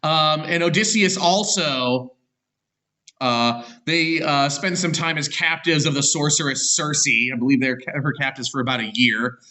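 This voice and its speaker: A man's voice: on the high side, a little slow, sharp tone. A man teaching an online class, retelling a story in an unscripted way with frequent "uh" and "um" fillers and self-corrections.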